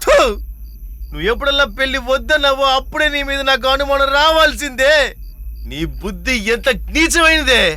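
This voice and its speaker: An actor playing a furious, betrayed young man who shouts insults in a film drama. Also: very high voice, brisk, a little hiss or hum, exaggerated voice. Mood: enraged. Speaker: jilted lover in a film. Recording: film scene with loud music score.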